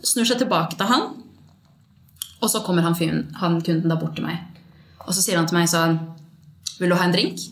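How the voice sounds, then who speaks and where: A woman's voice: fairly low pitch, pauses often. A woman, a podcast guest telling a long personal story in casual chat and acting out dialogue. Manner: mixes Norwegian and Swedish words, tells the story with quoted dialogue and English slang. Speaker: podcast guest, stripper and entrepreneur. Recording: echoey room.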